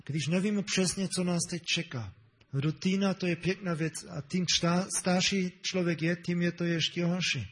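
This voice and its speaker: A man preaching a sermon in a relaxed, conversational way, with many fillers and restarts, often checking in with his listeners. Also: sits high, breathy edge, long reverb tail. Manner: asks the congregation "ne?".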